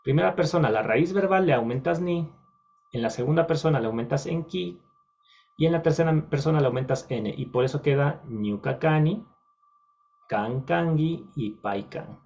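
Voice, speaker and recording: A man's voice: on the high side, animated, normal speed, creaky, darkish tone, lo-fi sound. A man from Ecuador, teaching a recorded video lesson patiently, with frequent fillers and self-corrections. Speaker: language teacher.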